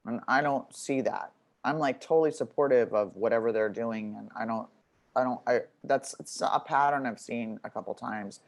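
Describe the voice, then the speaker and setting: A woman with a deep voice chatting candidly, in a brash, sweary, storytelling manner. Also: normal speed. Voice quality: deep voice, often mistaken for a man's. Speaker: podcast guest. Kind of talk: candid casual chat.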